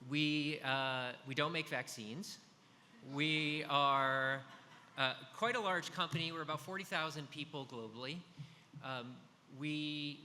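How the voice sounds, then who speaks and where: Speaking through a handheld or stand microphone in a large conference hall, a man in his fifties delivers a business presentation. His voice is loud and on the high side, and his style is casual and chatty, packed with fillers and restarts. The recording has hall reverb and faint noise.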